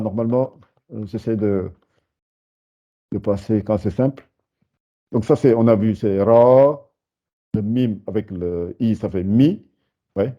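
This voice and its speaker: A man teaching a beginner class, patiently spelling out syllables one by one, often pausing with hesitations. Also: on the low side, highs cut off. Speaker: Arabic teacher. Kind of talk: live beginner lesson with students.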